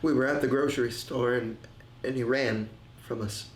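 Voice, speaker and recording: A man acting as a grieving man recalls his past in a halting, faltering way, repeating words as he goes. His voice is mid-pitched and sits in a roomy, echoing space. Faint ambient sound hangs behind him. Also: steady tone, slight background noise, lightly acted. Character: grieving middle-aged man, haunted, hesitant. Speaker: man recounting family tragedy. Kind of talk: film monologue.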